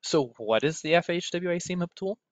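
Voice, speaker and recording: In roomy, dull, lo-fi webinar audio, an American-accented man gives an informal technical presentation conversationally, often checking in with "right?". His voice is high and animated at a moderate pace.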